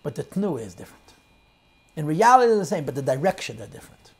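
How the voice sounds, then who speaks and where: A man teaching a Chassidic text class, explaining in English sprinkled with Hebrew and Yiddish terms and shifting between loud and soft emphasis. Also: on the high side, big pitch swings, fast, slightly rough. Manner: quotes and translates lines of text, swings loud and soft. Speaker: Torah teacher.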